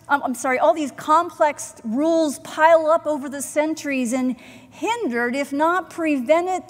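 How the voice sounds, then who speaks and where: A middle-aged woman pastor delivers a sermon in front of the chancel of a church sanctuary, speaking slowly, earnestly, and with deliberate pauses in a slightly high voice. She's picked up by a pulpit microphone and a far camera, and the sanctuary adds a long, lingering reverb.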